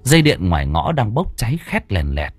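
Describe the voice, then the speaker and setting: A man doing an alarmed, shouting villager. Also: fairly low pitch, very animated, a little fast, husky, no echo.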